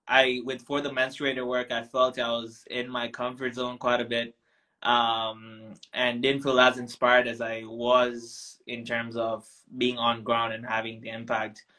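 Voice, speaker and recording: A man's voice: medium pitch, completely flat delivery, a little slow, pushed and bright, rough recording. A young man from Tanzania, a founder talking as a guest in a casual interview, reflective and full of ums and restarts. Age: young adult.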